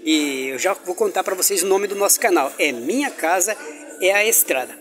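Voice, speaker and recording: A man's high, slightly bright voice has lively intonation and a moderate pace. As a travel vlogger wandering an indoor farmers' market, he talks casually and cheerfully to the camera, chats with vendors and children, and lets out religious exclamations.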